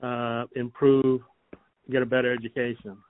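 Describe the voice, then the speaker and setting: Casting: older male interviewer, hesitant, monotone, thin telephone-like recording. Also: mid-range voice, dry recording. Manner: halting, tentative questioning with long hesitations. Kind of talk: oral history interview. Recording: thin, phone-like, band-limited sound.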